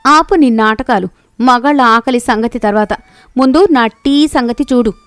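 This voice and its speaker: A woman voicing a domineering, shrewish young wife who scolds and taunts in a shrill voice. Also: moderate pace, fairly bright tone, smooth, dry recording, natural voice. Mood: scolding. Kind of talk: animated storybook voice acting.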